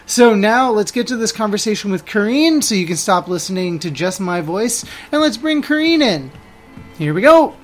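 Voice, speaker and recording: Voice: mid-range voice, expressive, normal speed, soft background music. Podcast host, playful and laughing a lot, mid-range voice. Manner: friendly, laughs often, playful banter. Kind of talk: casual interview.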